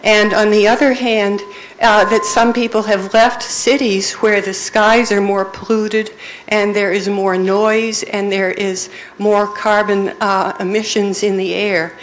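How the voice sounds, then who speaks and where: A woman from New England's Upper Valley giving a measured public comment at a town meeting, pausing with uhs. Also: mid-range voice, flat delivery, slight background noise, poor audio. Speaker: resident making a public comment.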